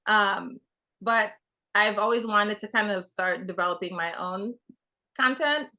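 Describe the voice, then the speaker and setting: Speaking a little slowly, the young woman from Trinidad, a TV producer appearing as a guest, rambles casually and keeps restarting amid lots of fillers. Her mid-range voice comes across pushed and bright.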